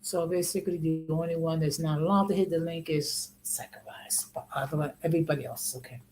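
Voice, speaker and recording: A man in his sixties from the U.S. hosts a casual, conversational live-stream, regularly checking in with "okay?" His voice is on the high side, steady, brisk and a little mellow, captured in a rough recording with slight background noise.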